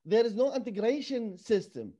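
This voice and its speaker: High-voiced man speaking earnest English. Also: animated, normal speed, warm tone, lo-fi sound. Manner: earnest and emphatic, non-native English with broken grammar. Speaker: refugee activist guest. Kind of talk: conversational interview.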